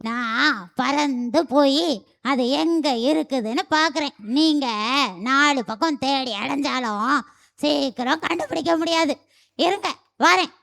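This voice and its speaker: A woman's voice: high voice, measured pace, gravelly, fairly bright tone, exaggerated voice. A woman voicing a kind crow in a puppet show who caws and offers help. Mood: helpful. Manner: plaintive then eager, cawing. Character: kind, helpful crow, gloomy about having two legs.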